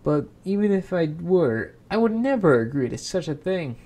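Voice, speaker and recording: A man voicing a frightened young miller's daughter in a bedtime story, pitched up and pleading. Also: sing-song, normal speed, warm tone.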